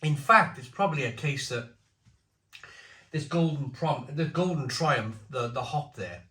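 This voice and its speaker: A British man with a chesty cough gives a casual, halting review, often repeating phrases as he muses. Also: mid-range voice, expressive, bright, forceful tone. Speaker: beer reviewer. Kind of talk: casual spoken review to camera. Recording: echoey room.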